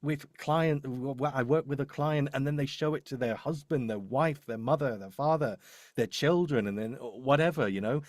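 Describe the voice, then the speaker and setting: A man's medium-pitched voice moves at normal speed in this studio-quality, echo-free clip. Acting as a demo producer, he gives off-the-cuff coaching, emphatic and repetitive, regularly checking in by asking "right?"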